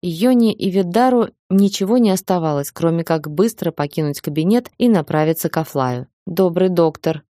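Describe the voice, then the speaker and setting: A woman narrating an audiobook in a steady, measured reading voice. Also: lowish voice, no room sound, clean studio sound. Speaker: audiobook reader.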